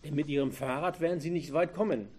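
Brief: a man doing a frightened young hostage woman, higher and urgent. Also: quick pace, darkish tone, husky. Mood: anxious.

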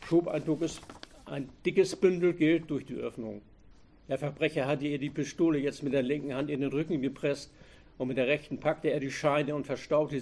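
Man reading a crime story aloud. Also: a little high. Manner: steady reading with occasional slips. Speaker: narrator.

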